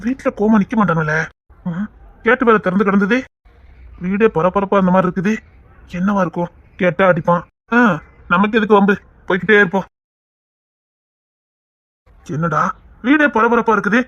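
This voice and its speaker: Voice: medium pitch, brisk, long pauses, fairly bright tone, no echo, dull audio. A reader voicing the men of a dramatic family story, urgent and questioning. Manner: urgent, questioning, rough colloquial. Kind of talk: dramatic audio story reading.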